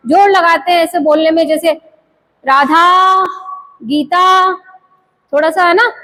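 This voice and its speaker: A woman teaching Sanskrit grammar in a classroom lecture. She asks questions and answers them herself, slowly repeating the key terms. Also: very high voice, poor audio.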